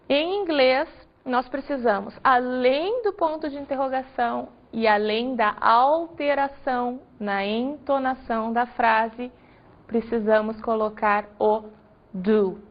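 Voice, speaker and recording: A woman from Brazil, an English teacher, patiently explaining grammar and stressing each example word. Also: a little high. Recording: dull lo-fi recording.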